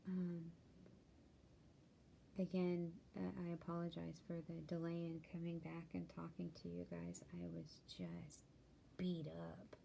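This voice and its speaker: A tired woman giving a candid personal vlog update in a soft, worried voice, often dropping into whispers and yawning. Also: on the low side, monotone, measured pace, creaky, a little hiss or hum. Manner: tired and worried, soft-spoken, many ums, drifts into whispers. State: sleepy, yawning. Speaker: vlogger sharing a health update.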